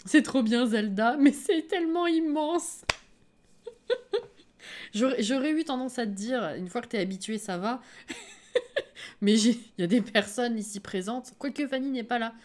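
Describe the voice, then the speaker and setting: A woman streamer reacting live to a game trailer, excitable, laughing often and thinking aloud. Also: on the high side, measured pace, pauses often.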